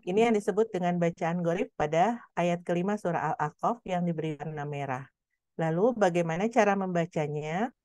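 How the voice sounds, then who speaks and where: A woman teaching a Quran recitation lesson, explaining patiently and drawing out example words slowly. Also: lowish voice, darkish tone, no echo, studio quality. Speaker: tajwid teacher.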